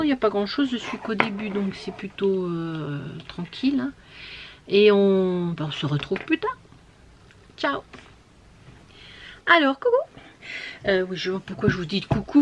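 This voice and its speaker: A woman chatting casually while showing her knitting, with many fillers, often trailing off into soft murmurs and whispers. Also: mid-range voice, a little hiss or hum. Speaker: knitting vlogger.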